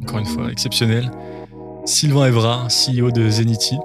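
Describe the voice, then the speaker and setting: A man's voice: mid-range voice, level tone, a little fast. A man, hosting a casual podcast. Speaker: podcast host. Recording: prominent music behind the voice.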